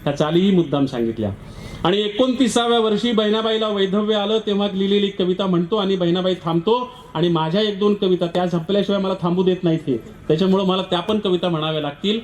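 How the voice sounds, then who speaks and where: A man's voice: high-pitched, fast talker, a little mellow, a little hiss or hum. A man, a poet and professor, giving a public lecture where he recites verses and then explains them in plain speech.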